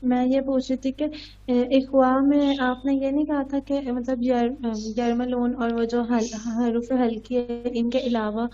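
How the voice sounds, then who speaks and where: Brief: soft, mellow female student, slow and hesitant, muffled lo-fi call audio. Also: fairly high pitch, level tone.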